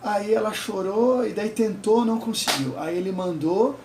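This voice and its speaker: A man's voice: sits high, moderate pace. A man telling a personal story casually to his viewers, chatty and full of asides and fillers, with a roomy echo and faint hiss in the recording.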